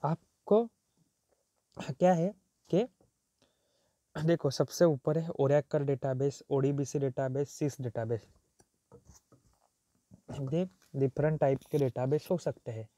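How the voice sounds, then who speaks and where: A man's voice: medium pitch, slow pace, pauses often, mellow, dry recording. A man teaching a technical lecture who mixes Hindi with English terms, repeats his points, and asks and answers his own questions. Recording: dull, slightly muffled recording.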